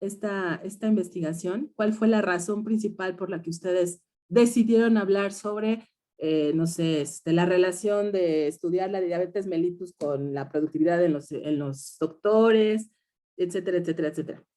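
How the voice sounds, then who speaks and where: A woman's voice: fairly low pitch, moderate pace, dark tone. A woman with a Mexican Spanish accent teaching a research seminar, explaining step by step and checking in often with her students. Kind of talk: lecture to students.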